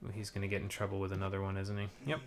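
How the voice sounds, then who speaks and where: A man's voice: low voice, monotone, racing, slight background noise. A man giving casual, rambling live commentary on a video game with wry asides.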